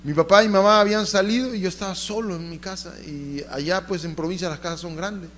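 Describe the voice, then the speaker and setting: A man preaching a sermon as pastor, asking the congregation to repeat lines and swinging between loud emphatic calls and hushed storytelling. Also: sits high, fairly even intonation, fairly quick, slight background noise. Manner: call-and-response preaching, asks congregation to repeat. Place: church.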